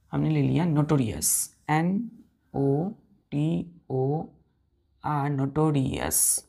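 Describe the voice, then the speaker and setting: Woman, Indian accent, gravelly voice, classroom vocabulary lesson, spells words letter by letter. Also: sits low, dark tone. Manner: spells words letter by letter and repeats questions to students. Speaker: English vocabulary teacher.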